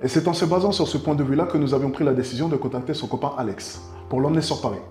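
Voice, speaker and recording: A man's voice: on the high side, very fast, warm tone. A man in his twenties presenting a video with formal, scripted narration to camera. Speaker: presenter of a loyalty test video. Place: living room, indoors. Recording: roomy echo under music. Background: music.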